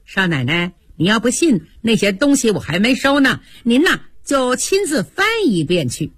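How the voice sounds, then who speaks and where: A woman voicing a loyal, quick-witted young maid who talks fast and chides sharply, with a husky voice. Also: fairly high pitch, big pitch swings, no room sound, studio quality. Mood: sly. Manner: quick, chiding, clever.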